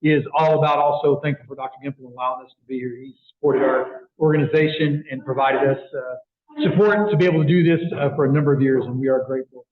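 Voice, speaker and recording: A middle-aged man giving an animated storytelling talk to a club as a guest speaker, with many fillers and restarts. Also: medium pitch, fast. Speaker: guest speaker for a sports outreach ministry. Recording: echoey room, tinny phone-like sound.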